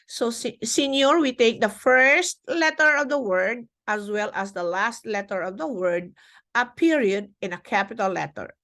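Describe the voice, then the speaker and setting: A woman teacher explaining a classroom lesson to young children, slow and deliberate, with fillers as she goes. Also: medium pitch, a bit bright.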